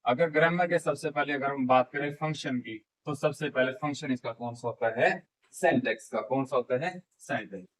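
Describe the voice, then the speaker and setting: A man teaching a grammar lesson, explaining in Hindi mixed with terms and speaking. He asks and answers his own questions and slowly dictates key phrases word by word. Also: mid-range voice, fairly bright tone, rough recording.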